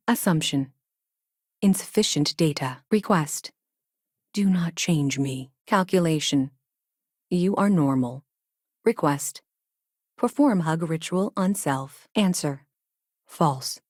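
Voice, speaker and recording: For a video game, a female voice plays a sentient space probe intelligence in scripted dialogue. Low, dry, close and a little mellow, with no echo or room sound, she speaks in clipped, literal, robotic phrases. She announces each statement like a label with earnest, childlike logic in a matter-of-fact, full character performance.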